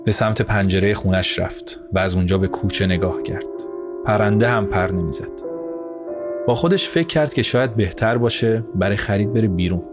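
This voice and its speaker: Low-voiced male storyteller. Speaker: narrator. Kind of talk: scripted audiobook narration. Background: soft music score.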